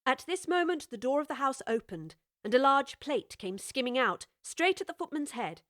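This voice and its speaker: A woman narrating a storybook with clear, expressive scripted storytelling. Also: high voice, moderate pace, no room sound, studio quality.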